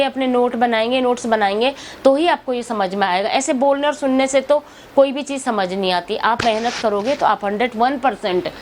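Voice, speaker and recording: A woman's voice: fairly high pitch, slight background noise. A woman teaching a Hindi grammar lesson for exam preparation, explaining with everyday example sentences and asking and answering her own questions.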